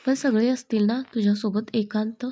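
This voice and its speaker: A woman's voice: a little high, fairly even intonation, moderate pace, mellow, lightly acted. A woman voicing a teasing young fiancé. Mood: affectionate. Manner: affectionate, playful teasing.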